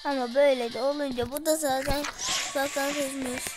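Excitable high-voiced woman gamer. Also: a little fast, rough recording. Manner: excitable, exclaiming, talking to viewers. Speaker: gaming streamer. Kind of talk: casual gameplay commentary. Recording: music playing in the background.

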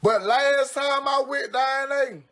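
On a home livestream from her phone, a social media personality does her nails and chats casually, swearing freely. She speaks at a slow pace in a high, fairly bright voice, coming across as brash, profane and exclamatory.

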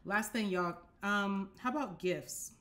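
A young woman hosting a casual dating-advice talk from her apartment, speaking straight to the camera, animated and direct, often checking that listeners follow. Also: medium pitch, takes it slowly. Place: apartment living room, indoors.

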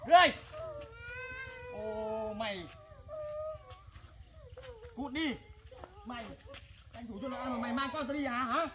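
A man's voice: very high-pitched, takes it slowly, long pauses, heavy background noise. A man playing a contemptuous ex-husband who hurls insults. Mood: belligerent. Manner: belligerent, insulting, dismissive. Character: angry, contemptuous young ex-husband.

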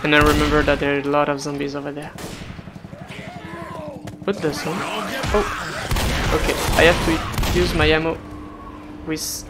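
A let's play gamer commenting casually on gameplay, excitable and joking, with yelps and non-native English phrasing. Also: mid-range voice, moderate pace, pauses often. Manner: excitable, yelps and laughs, jokey asides. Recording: game music and gunfire under the voice.

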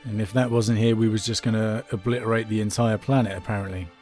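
A man's voice: fairly low pitch, fairly even intonation, fast talker, darkish tone, faint music behind. A man giving casual gameplay commentary as he plays. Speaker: let's player commenting on a game.

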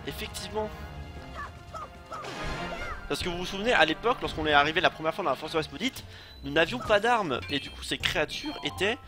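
Animated young man commenting gameplay. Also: a little high. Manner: joking, animated, swears, talks to chat. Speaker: let's play streamer. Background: game music.

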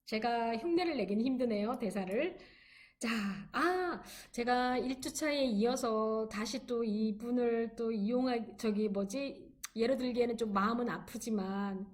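A woman giving an online English lecture, encouraging students and drilling phrases slowly for them to repeat. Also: fairly high pitch. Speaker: English teacher.

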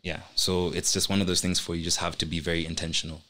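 A man's voice: low voice, flat delivery, fast talker, bright, forceful tone, slight background noise. A young man speaking as a guest on a studio podcast, talking earnestly and reflectively about his work. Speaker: guest, artist. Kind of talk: casual podcast conversation. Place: small indoor podcast studio. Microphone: studio microphone on a stand.

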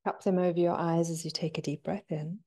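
A woman teaches a guided breathing meditation in a fairly low voice with fairly even intonation. She is soft-spoken and calming, and she pauses at length.

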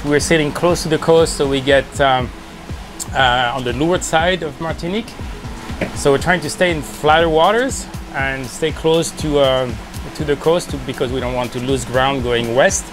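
A man co-hosting a sailing vlog, talking relaxed and rambling while out on a catamaran. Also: a little high, normal speed. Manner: relaxed, rambling, laughs easily. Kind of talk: casual vlog chat. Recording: with music underneath.

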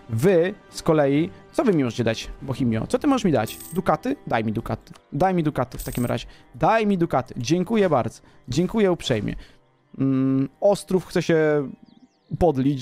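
A man in a relaxed let's-play, swinging his fairly high voice up and down as he brags and jokes with his viewers. Soft music plays underneath. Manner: boastful, playful, talks to the viewers. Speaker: gaming commentator. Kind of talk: casual let's-play commentary.

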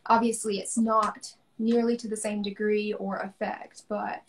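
A woman's voice: mid-range voice, flat delivery, a little slow, slight background noise. A young woman from the American South, an artist talking thoughtfully about her work over a video call, with frequent ums. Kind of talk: casual conversation on a livestream.

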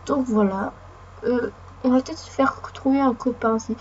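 Une femme à la voix assez haute, enrouée et reniflante, commente une partie de jeu sur un ton bavard et décousu, parlant aussi bien au jeu qu'à ses spectateurs. Le son est terne, de qualité médiocre, avec un léger souffle en fond. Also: female voice, fairly high pitch, fairly even intonation, normal speed, darkish tone, dull audio, slight background noise. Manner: chatty, rambling, talks to the game and viewers. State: hoarse from a cold, sniffling. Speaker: let's play gamer. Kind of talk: casual gameplay commentary.

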